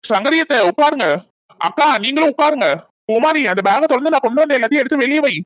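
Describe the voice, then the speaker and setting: A woman's voice: sits high, lively intonation, quick pace, no echo. A woman voicing a cheerful young man in a cartoon who has come home from abroad and reassures his mother.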